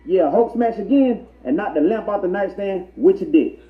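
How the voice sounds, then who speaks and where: Heard over a crackly, muffled, echoing intercom on public transit, a man with a high, animated voice talks at a moderate pace. He's a prank tutorial narrator, walking listeners through crude joke lessons in a foul-mouthed, slangy way.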